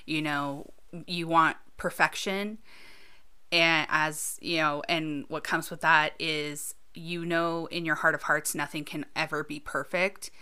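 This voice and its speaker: Woman in her thirties, podcast co-host, casual and reflective, low-ish and crisp. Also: fairly even intonation, takes it slowly, sharp tone. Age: 30s. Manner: reflective, talks things through with many "you know"s. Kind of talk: casual conversational chat.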